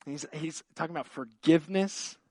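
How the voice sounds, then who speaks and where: A man's voice: a little high, normal speed, darkish tone, breathy edge, dry recording. A man, a pastor preaching a conversational sermon, full of fillers and restarts, building to fervent emphasis. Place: church.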